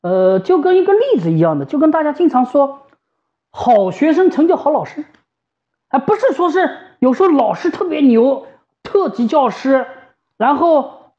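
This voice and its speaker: A woman's voice: sits high, big pitch swings, moderate pace, mellow. A woman giving an informal, conversational explanation as a specialist, repeating phrases for emphasis. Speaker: home ventilator specialist and shop staff. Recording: slightly dull, lo-fi sound.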